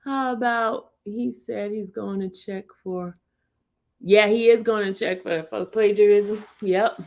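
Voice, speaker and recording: A fifty-something woman runs a relaxed livestream, laughing with viewers and talking to her chat. She speaks at a measured pace in a mid-range, darkish voice with fairly even intonation.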